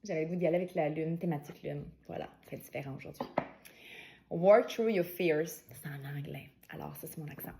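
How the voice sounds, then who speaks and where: A woman with a Québécois French accent giving a weekly oracle card reading in a casual, chatty vlog, with gentle encouragement and many informal asides. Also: low-pitched, steady tone, quick pace, creaky, hardly any pauses, noisy background. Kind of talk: casual spiritual guidance vlog.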